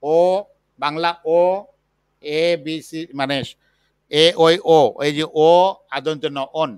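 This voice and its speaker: A man teaching a chemistry class, slowly dictating the material. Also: a little high, flat delivery, smooth, no room sound. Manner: slow, patient dictation. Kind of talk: classroom lecture.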